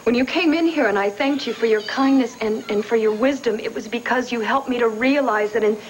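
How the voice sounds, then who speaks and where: A woman's voice: fairly high pitch, fairly quick, slight background noise, natural voice, rough recording. An actress playing an earnest woman explaining her decision with heartfelt sincerity in a soap opera. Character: grateful young woman, earnest and relieved.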